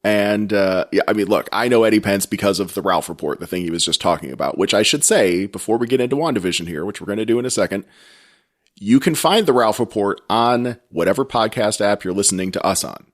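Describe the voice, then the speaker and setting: A man hosting a podcast, chatting casually and rambling a little, often trailing off quietly. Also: lowish voice, animated, quick pace. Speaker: podcast host. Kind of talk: casual chat.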